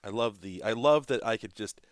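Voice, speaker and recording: A man in his thirties with a deep, smooth voice, chatting loosely on a livestream. He rambles, jokes and laughs easily. The sound is close and dry, with no room around it. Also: moderate pace, no room sound. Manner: joking, rambling, laughs often. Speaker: livestream co-host. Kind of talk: casual livestream chat.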